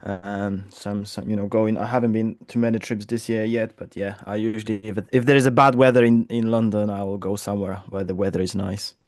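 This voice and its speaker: A man's voice: lowish voice, fairly even intonation, fairly quick, hardly any pauses, darkish tone, no room sound, studio quality. A man in his thirties from Poland with a Polish accent, an interview guest speaking in an upbeat, chatty way with many fillers. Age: 30s. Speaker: guest, business coach. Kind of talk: casual interview talk. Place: home office in London.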